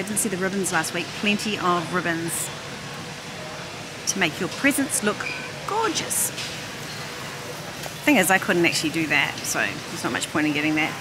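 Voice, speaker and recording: A woman's voice: on the low side, expressive, normal speed, pauses often. A middle-aged woman, chatting as she browses and films a shopping vlog on a handheld phone. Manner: chatty, thinking aloud while browsing. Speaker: vlogger. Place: busy warehouse store. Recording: loud store noise behind.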